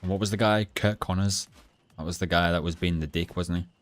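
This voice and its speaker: Blunt, rambling man, very low voice. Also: fairly even intonation. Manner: blunt, rambling, halting restarts. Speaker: gaming livestreamer. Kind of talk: rambling casual chat to a live chat.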